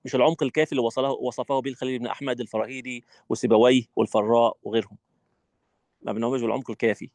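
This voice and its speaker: A man with an Egyptian Arabic accent teaching Quran recitation rules in an online training session, animated and demonstrative. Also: medium pitch, rapid-fire, no echo. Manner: animated, demonstrative, acts out his classroom.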